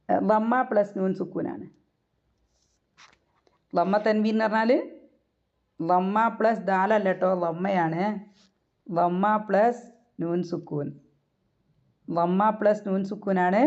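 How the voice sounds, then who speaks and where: A woman leads a recitation lesson in a mellow, warm tone. She repeats each word slowly and keeps putting questions to her learners. The recording sounds dull and lo-fi. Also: medium pitch. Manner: patient, repeats words slowly and asks questions to guide learners. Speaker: Quran recitation teacher. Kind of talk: tajweed lesson.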